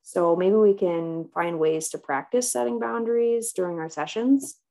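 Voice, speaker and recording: A woman with pronounced vocal fry and a slightly low pitch talks as a therapy client in a role-play. She is hesitant and self-doubting, feeling her way through her answers in a conversational style. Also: moderate pace, dark tone.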